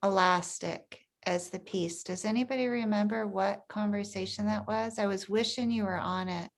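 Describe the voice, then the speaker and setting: A woman's voice: mid-range voice, steady tone, moderate pace. A woman hosting a casual group chat, encouraging and full of questions. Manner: encouraging, asks many questions.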